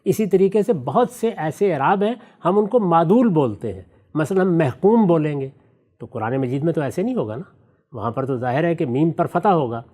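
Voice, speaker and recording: Man, religious scholar, kinda high voice, very animated pitch, walks through examples slow and teacherly. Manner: measured, methodical teaching with worked examples; recites scripture verses slowly and deliberately. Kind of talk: explanatory discussion answering questions.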